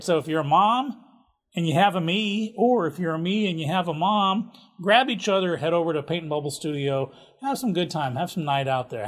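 A man hosting a casual local events rundown, chatty and jokey with offhand asides. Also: on the high side. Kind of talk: casual community calendar rundown.

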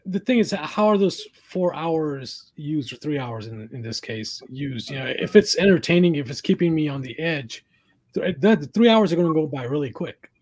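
A man co-hosting a casual chat, teasing his partner and pausing often as he thinks. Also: fairly high pitch, animated, breathy edge. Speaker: co-host.

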